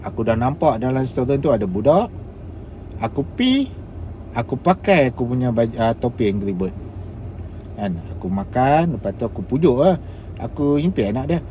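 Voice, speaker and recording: On a phone live stream from his car while driving, a man with a Kedah Malay accent tells casual, rambling stories, sliding into dialect as he chats. His mid-range voice has a dark tone and big pitch swings at a moderate pace, with slight background noise.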